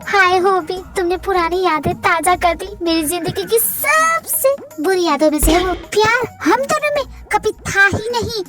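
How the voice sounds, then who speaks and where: A woman's voice: very high voice, expressive, unhurried, hardly any pauses, music in the background. A woman voicing a feisty, bubbly young wife who talks in a sassy, chatty way.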